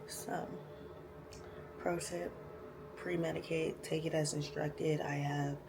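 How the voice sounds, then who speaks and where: A woman's voice: low-pitched, flat delivery, takes it slowly, vocal fry, music in the background. A woman chatting casually to camera as a vlogger, candid, informal and slangy.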